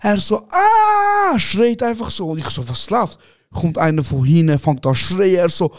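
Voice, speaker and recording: Ein junger Mann aus der Schweiz mit Schweizerdeutschem Akzent, Co-Host eines Podcasts, der eine Ferien-Anekdote lebhaft und aufgedreht erzählt und andere Leute laut nachspielt. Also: male voice, on the high side, normal speed, no room sound, clean studio sound. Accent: Swiss German. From Switzerland. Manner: excited anecdote telling, acting out other people with shouts, calls the other host "Bro". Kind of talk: casual chat, animated storytelling.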